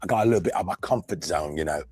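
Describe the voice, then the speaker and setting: A man's voice: deep voice, very fast, darkish tone, breathy edge, no echo. A man acting a self-important British actor with a put-on Manchester accent in a comedy skit, cheeky and breezy. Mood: smug. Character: pompous male British actor in a parody skit.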